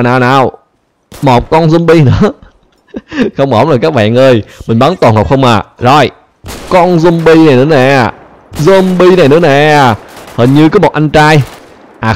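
A man with a Vietnamese accent and a fairly high voice hosts a gaming channel, chatting excitedly to viewers over his gameplay and often repeating phrases in casual commentary.

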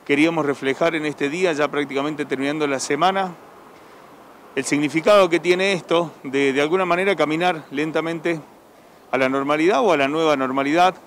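Speaking a little fast in a slightly high, fairly bright and steady voice, this young field reporter with an Argentine Spanish accent covers local TV news. Holding a handheld reporter mic, he chats with customers on a town sidewalk and in a café, firing off short questions over a little hiss or hum.

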